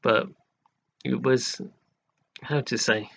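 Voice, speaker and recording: A man in an aggrieved, halting vlog rant who keeps repeating himself and restarting his sentences. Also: mid-range voice, steady tone, vocal fry, a bit bright. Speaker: vlogger. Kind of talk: slow, halting rant to camera.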